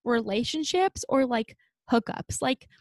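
A young woman co-hosting a podcast, chatting in a relaxed, wandering way with fillers and casual swearing. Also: a little high, unhurried, no echo, studio quality. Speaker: podcast co-host. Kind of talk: casual chat.

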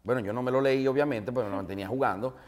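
Man, 40s, Maracaibo Venezuelan accent, mid-pitched voice, animated joking storyteller, interview guest. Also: racing. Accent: Maracaibo Venezuelan Spanish. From Zulia, Venezuela. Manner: animated, jokey anecdotes with many fillers.

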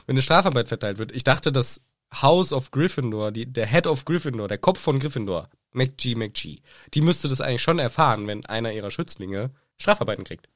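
Animated young man chatting casually. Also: mid-range voice, fairly quick, no room sound, clean studio sound. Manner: joking, animated, often laughing. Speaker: podcast co-host. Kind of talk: casual chat.

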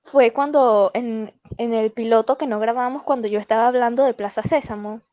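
A woman's voice: a little high, fairly even intonation, normal speed, dark tone, no echo. A young woman with a Venezuelan accent co-hosting a podcast, laughing often and talking in slangy, self-mocking casual chat. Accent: Venezuelan Spanish. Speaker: podcast co-host.

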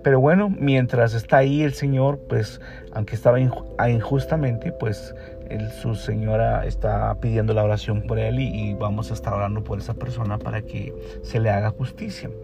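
A man's voice: fairly low pitch, steady tone, normal speed, creaky. A man in his forties with a Mexican Spanish accent, preaching an emphatic radio sermon that repeats phrases and puts direct questions to the listeners. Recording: faint music behind the voice.

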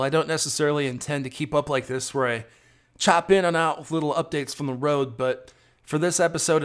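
A man's voice: mid-range voice, fairly bright tone, clean tone. A man talks casually to his audience as he drives, recorded as a phone video on a phone fixed to the dashboard of his van. He rambles and thinks aloud, often restarting his sentences as he goes. His delivery is easygoing and conversational, like a road-trip vlogger checking in from the driver's seat. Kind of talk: casual running commentary while driving. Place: inside a van while driving. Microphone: phone mounted on the dashboard.

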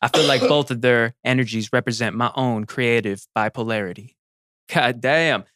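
A man's voice: medium pitch, normal speed, a bit bright, no echo, clean studio sound. A man co-hosting a casual hip hop album review podcast, hyped and calling out to listeners. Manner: hype, talks to listeners as "people". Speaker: podcast co-host.

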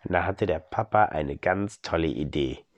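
A man improvising a bedtime story for a child, in an animated storytelling manner. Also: low voice, normal speed, no echo, muffled recording.

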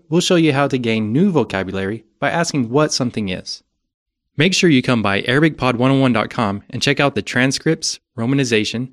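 A man with an American accent, hosting a scripted language lesson podcast with some casual chat. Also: mid-range voice.

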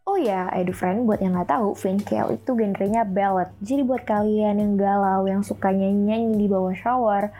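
A woman's voice: mid-range voice, fairly even intonation, moderate pace, dark tone. A young woman hosting like a DJ, chatting informally in slang and addressing listeners as friends. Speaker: radio-style host and DJ. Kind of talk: casual chat presenting pop music trivia.

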